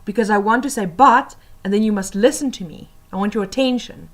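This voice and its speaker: A woman teacher explaining tips for oral reading assessments, patiently and with many pauses and fillers. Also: mid-range voice, a little mellow.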